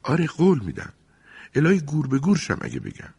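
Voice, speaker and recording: A man's voice: fairly high pitch, huge pitch swings, gravelly, darkish tone, breathy edge, long reverb tail, voice pushed up, exaggerated voice. A man voicing a shy, curious schoolgirl in an audiobook, whispering and coaxing. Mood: eager, pleading.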